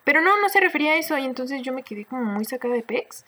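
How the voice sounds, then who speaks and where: A woman's voice: high voice, lively intonation, racing, sharp tone. A young woman with a Mexican accent, casually telling a strange story as a podcast co-host, laughing often and using slang. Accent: Mexican Spanish.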